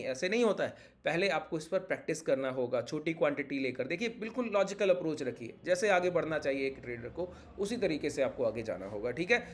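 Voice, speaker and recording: High-voiced man teaching trading. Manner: insistent, repeats points, keeps asking if it is clear. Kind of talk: chart-walkthrough lesson.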